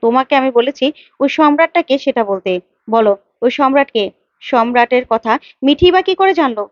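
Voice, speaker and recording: A woman's voice: sits high, lively intonation, normal speed, dry recording. A woman voicing an angry young husband who confronts his wife with heated, insistent accusations. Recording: dull lo-fi, dry.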